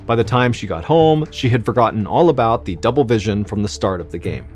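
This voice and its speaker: Low-voiced man narrating a suspenseful story. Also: animated, soft background music. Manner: measured, suspenseful delivery that drops quieter at tense moments. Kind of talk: scripted true-story narration.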